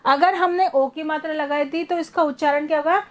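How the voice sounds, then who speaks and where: Woman teacher, high voice, patient explainer, online lesson on a video call. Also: steady tone, brisk. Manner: patient, explains step by step, asks students questions.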